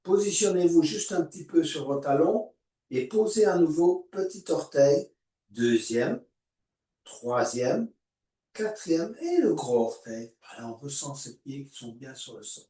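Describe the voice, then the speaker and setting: Calm male yoga teacher, echoey room. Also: a little high. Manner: calm, guiding, drawn-out cues. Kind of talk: guided yoga class instruction. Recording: echoey room, voice far from mic.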